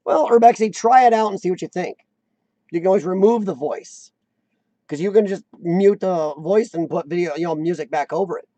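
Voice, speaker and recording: This live-chat host speaks in a high, warm voice at a brisk clip, rambling and self-deprecating as he restarts sentences often. The recording is dry.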